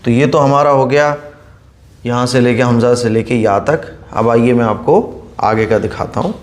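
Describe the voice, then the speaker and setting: A man's voice: mid-range voice, normal speed, a little hiss or hum. A man teaching Quran reading step by step, patiently drilling each letter and repeating the rule. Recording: echoey room.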